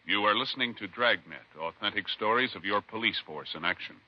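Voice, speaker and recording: A man's voice: on the low side, brisk, soft background music. A man announcing in a formal 1950s radio style. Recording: dull, dry old radio recording.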